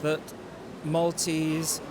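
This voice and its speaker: A man with a fairly high voice explains dog breeds in a measured, informative way while being interviewed. Traffic and outdoor noise come through clearly behind him. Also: monotone. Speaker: dog show judge. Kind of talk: interview answers.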